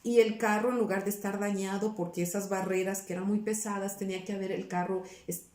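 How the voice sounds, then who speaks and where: Earnest woman pastor with a mellow voice. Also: mid-range voice, steady tone, fairly quick, roomy sound. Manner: earnest, searches for words with many restarts. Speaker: pastor giving her testimony as interview guest. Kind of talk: personal testimony in a casual interview.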